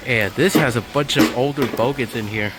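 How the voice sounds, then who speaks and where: The recording is very noisy: a male vlogger walks through a big hardware store with store music in the background, commenting casually as he films. His voice is medium in pitch, and his pace is moderate.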